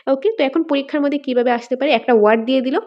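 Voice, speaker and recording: A woman's voice: high-pitched, steady tone, rapid-fire, highs cut off. Woman teacher drilling syllables aloud. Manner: drills syllables aloud, asks and answers own questions. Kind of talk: exam-prep lesson.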